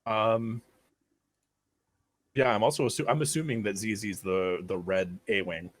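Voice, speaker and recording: A man co-commentating a tabletop game on a livestream, thinking aloud with pauses. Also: lowish voice, steady tone.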